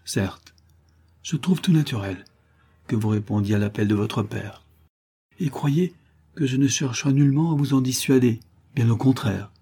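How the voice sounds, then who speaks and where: A man playing a kindly, grave old gentleman who speaks in a measured, cautioning way. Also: medium pitch, slightly rough. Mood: earnest.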